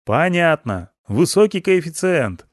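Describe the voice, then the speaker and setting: A man voicing a bossy male rescuer who keeps shouting his words in a story reading. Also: on the high side, sing-song, unhurried, dry recording, clean studio sound, voice pushed up. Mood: bossy, loud. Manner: shouting, emphatic.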